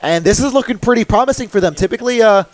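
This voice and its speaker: Brief: young male esports caster, excitable fast live commentary. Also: sits high. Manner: fast excitable play-by-play with laughs.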